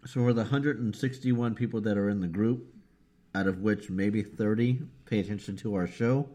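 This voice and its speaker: This casual wrestling podcast features a male co-host with a fairly low, dark voice at a moderate pace. He rambles, chuckles often, and pokes fun at himself.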